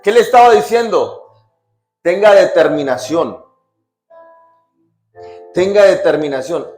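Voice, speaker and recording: A male pastor preaching a sermon, quizzing the congregation with repeated questions and swinging between loud emphatic lines and quiet drops. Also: high-pitched. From Colombia. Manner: call-and-response questions to the congregation. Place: church hall. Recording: echoey church with music behind.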